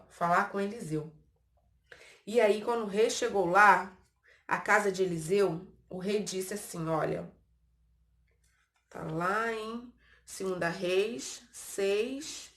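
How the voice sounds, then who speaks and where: A woman with a Brazilian Portuguese accent teaches a Sunday school class for children, walking them through a Bible story. Her voice sits somewhat high, and she slips into the characters' lines before turning back to the kids. The recording picks up noticeable room echo. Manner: storytelling with acted quotes, frequent asides to the kids. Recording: echoey room.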